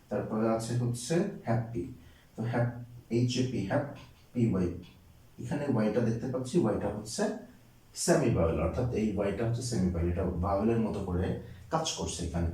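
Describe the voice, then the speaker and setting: A man's voice: on the low side, warm tone. A young man from Bangladesh teaching English grammar at a board, explaining step by step and mixing in English terms. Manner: explains step by step, mixes English terms into Bengali, many fillers. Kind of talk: classroom lecture at a board. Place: classroom with a board. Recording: very echoey room, voice from far off the mic.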